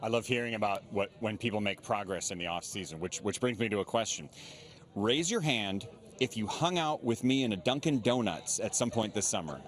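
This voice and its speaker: A man's voice: on the low side, lively intonation, a little fast. A man interviewing a coach and players, asking playful, teasing questions. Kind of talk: sports interview.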